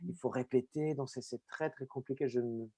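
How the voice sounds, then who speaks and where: A middle-aged man from Italy with an Italian accent, talking in an animated, expressive way as a guest actor in a casual conversation. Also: medium pitch, brisk, husky.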